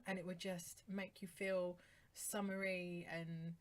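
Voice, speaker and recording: A woman's voice: fairly low pitch, little pitch movement, takes it slowly, a loud crowd. A British woman co-hosting a podcast, chatting casually and enthusiastically about songs, often rambling and laughing. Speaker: podcast co-host. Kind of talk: casual chat reviewing songs.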